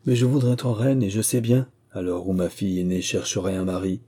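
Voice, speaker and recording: A man reading an audiobook, voicing a scheming middle-aged mother who is the vicar's wife, eager and coaxing, with a dark, husky voice. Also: deep voice, little pitch movement, brisk.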